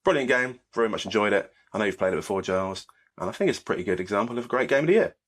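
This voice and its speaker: Male podcast co-host, deep and slightly husky, easygoing rambling delivery. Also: racing. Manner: rambling, relaxed game rundown. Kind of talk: casual chat.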